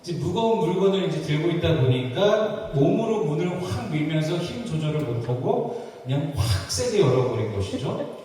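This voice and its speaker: Animated pastor preaching in an echoey hall. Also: male voice, a little high, moderate pace. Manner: animated storytelling, playful self-mocking humor. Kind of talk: sermon with live interpretation. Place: church sanctuary. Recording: echoey church hall from far off.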